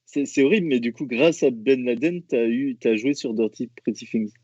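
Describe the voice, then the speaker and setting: A man hosts a relaxed interview, feeding questions with halting, hesitant phrasing. The sound is dry and close, with a dull lo-fi tone. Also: medium pitch, slightly rough, no room sound. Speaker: interviewer, host. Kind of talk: casual interview chat.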